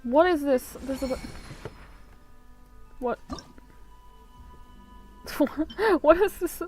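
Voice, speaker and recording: A young woman streaming a game live, muttering to herself and then shrieking in panic and excitement at the screen. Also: high-pitched, very slow, faint music behind. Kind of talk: live gaming stream commentary.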